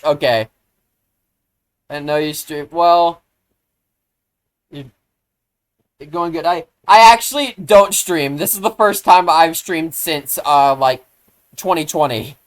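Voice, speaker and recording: Rambling, self-deprecating live streamer. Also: medium pitch. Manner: easily excited, bursts into loud exclamations. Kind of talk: casual live-stream gaming chatter.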